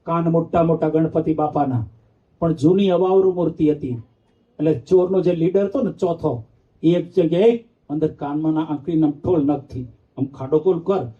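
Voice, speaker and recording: A man's voice: on the high side, normal speed, mellow. A male monk giving a storytelling sermon, playfully acting out characters and teasing his listeners. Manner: playful, acts out the characters, teases the audience. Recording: dull lo-fi sound.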